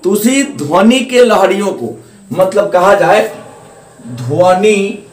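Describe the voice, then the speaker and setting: A man's voice: sits high, expressive, a little slow. A male teacher giving a grammar lesson, repeating key terms and asking questions he answers himself. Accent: Hindi, eastern. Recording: echoey room, mic at a distance.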